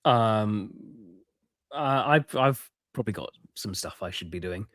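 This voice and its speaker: A man's voice: on the low side, lively intonation, a little slow, fairly bright tone. A man chatting as a podcast guest, laid-back and hesitant, often stumbling over his words. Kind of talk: casual chat.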